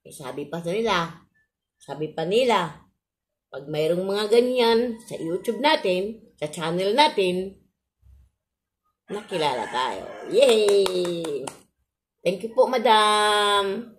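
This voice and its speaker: A middle-aged Filipino woman vlogger with missing front teeth chats casually to her viewers in a polite, halting way, often repeating herself. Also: fairly low pitch, animated. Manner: polite, halting, with frequent repetition.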